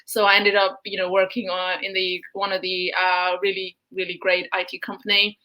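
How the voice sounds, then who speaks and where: A woman's voice: medium pitch, completely flat delivery, normal speed, bright, forceful tone, rough recording. A woman in her thirties from Nepal, a travel blogger chatting as an interview guest, full of fillers like you know and um. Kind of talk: casual interview talk.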